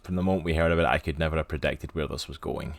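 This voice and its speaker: A man's voice: extremely low pitch, racing, creaky, dry recording, studio quality. A man co-hosting a casual comic podcast, upbeat and greeting chat viewers by name. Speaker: podcast co-host.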